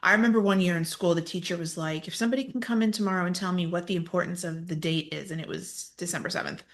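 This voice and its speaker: A woman's voice: fairly low pitch, fairly even intonation, fast. A woman from the United States in her thirties co-hosting a casual podcast, chatty and effusive, often restarting her sentences. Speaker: podcast co-host. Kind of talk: casual chat.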